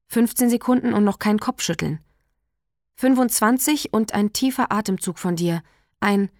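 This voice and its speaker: Low, dry-voiced woman reading intimately. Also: darkish tone, dry recording. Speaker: narrator. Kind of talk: literary reading.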